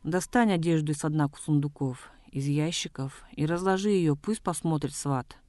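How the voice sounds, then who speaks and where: A reader voicing a stern, gruff old man who heads a household in a novel. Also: mid-range voice, moderate pace, a little mellow, dry recording, close to an everyday voice. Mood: commanding. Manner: gruff and commanding.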